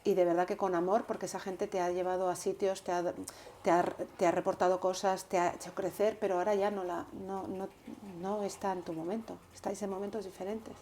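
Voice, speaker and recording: A woman guest in an interview, talking earnestly and in a measured way, often repeating words while she thinks. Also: medium pitch, little pitch movement, dark tone, a little hiss or hum. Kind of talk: reflective interview talk.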